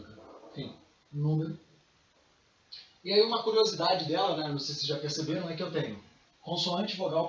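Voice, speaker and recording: A man's voice: a little high, sharp tone. A man with a Brazilian accent teaching a recorded math lesson, casual and chatty, calling his students dear. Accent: Brazilian Portuguese. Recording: distant, roomy, dull recording with faint noise.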